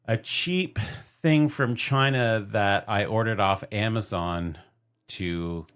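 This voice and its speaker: A man's voice: lowish voice, takes it slowly, a bit bright, clear, resonant tone. A man co-hosting a podcast in casual chat, wry and teasing, with dry asides. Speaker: podcast co-host.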